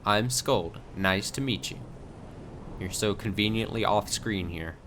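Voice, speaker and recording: A low, somewhat slow and slightly bright voice belongs to a man doing live reaction commentary over game cutscenes. Exasperated and sweary, he reads subtitles aloud and often repeats his phrases, with a little hiss or hum in the audio.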